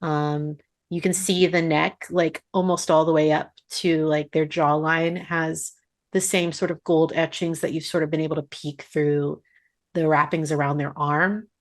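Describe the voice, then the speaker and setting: A woman's voice: deep voice, flat delivery. Woman narrating a tabletop game. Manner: descriptive, halting with fillers. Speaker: game master.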